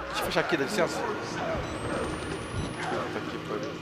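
A man's voice: mid-range voice, animated, brisk, heavy background noise. A man from Brazil commentating a horror game, nervous and jumpy, swearing and making nervous jokes. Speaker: gameplay streamer. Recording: game music underneath.

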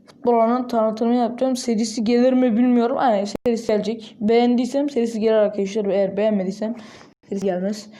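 A woman talks through a mobile game in a casual, chatty way. Her voice sits fairly high, with a soft, mellow tone. She keeps breaking into sudden bursts of excited exclamations. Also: fast. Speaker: gaming channel host.

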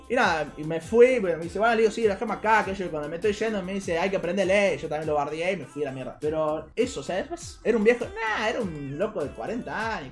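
Guy ranting fast about a story, kinda high voice, soft music behind. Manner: animated, indignant, slangy. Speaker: streamer. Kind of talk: casual storytelling.

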